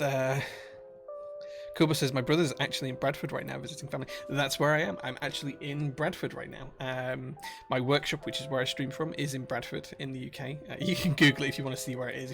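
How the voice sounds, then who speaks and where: This keyboard builder's voice is medium-pitched and gravelly, with a broad Yorkshire accent. A married adult from Yorkshire, England, he live streams from his workshop, reading viewer comments aloud in friendly, chatty fashion, with lots of uhs and restarts.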